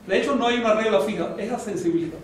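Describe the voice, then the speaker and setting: A man's voice: high-pitched, very fast, slight background noise. A man teaching a language class, quizzing his students and prompting them to think. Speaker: Nahuatl teacher. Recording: echoey room from far off.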